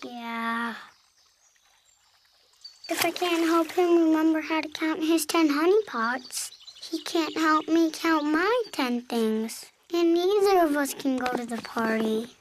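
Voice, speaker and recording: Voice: high-pitched, lively intonation, slow, background noise. A child performer voicing a small, earnest, worried young kangaroo in a children's cartoon, speaking hesitantly. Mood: downcast. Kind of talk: animated children's cartoon acting. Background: background music.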